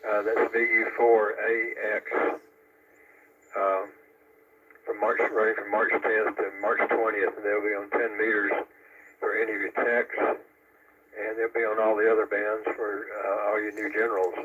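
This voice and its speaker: A man running an amateur radio net over a two-way radio, relaying announcements and a history talk in a halting way, with many pauses and fillers. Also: fairly low pitch, flat delivery. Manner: halting delivery with frequent "uh" fillers. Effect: heard over a two-way radio with static. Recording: tinny, distant radio transmission with static.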